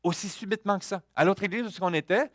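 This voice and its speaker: Quebecois pastor preaching, pretty high voice, earnest, goes hushed then loud, dry close mic. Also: male voice, fast talker, no room sound. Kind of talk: sermon.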